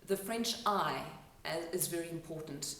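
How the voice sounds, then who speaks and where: A woman who works as an accent coach gives a spoken lesson, explaining sounds step by step and pausing to demonstrate them. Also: low voice, expressive, fairly bright tone, slight background noise. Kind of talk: instructional talk to camera. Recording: echoey room, mic at a distance.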